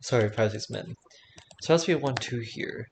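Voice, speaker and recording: A man streaming himself solving logic puzzles, thinking aloud in halting, self-correcting murmurs. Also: medium pitch, creaky, a little hiss or hum.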